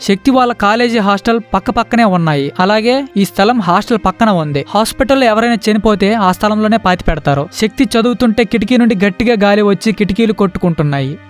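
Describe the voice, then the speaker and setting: A man narrating a scripted horror story in a steady, measured way. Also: high-pitched, faint music behind.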